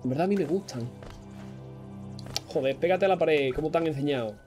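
A man's voice: a little high, fairly quick, darkish tone, faint music behind. A young man with a Spanish accent from Spain, casually commenting on a game he is streaming and joking with his chat. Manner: chatty and joking, talks to chat. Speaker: gaming streamer. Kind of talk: casual let's-play commentary.

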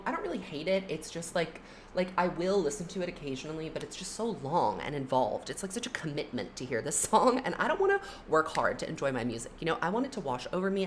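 A young adult woman who makes music commentary YouTube videos ranks albums in a casual, opinionated way. Her low voice swings widely in pitch as she chats animatedly, leaning heavily on "like" fillers. A faint hiss of room noise sits under the recording.

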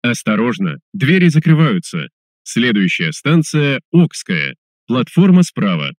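A man making recorded subway announcements as a train announcer, formal, measured and clearly enunciated. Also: medium pitch, big pitch swings, no echo, studio quality.

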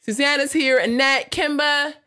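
Woman co-host with a crisp, bright tone; playful and jokey, animated delivery. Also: high-pitched, moderate pace. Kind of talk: casual live-stream chat.

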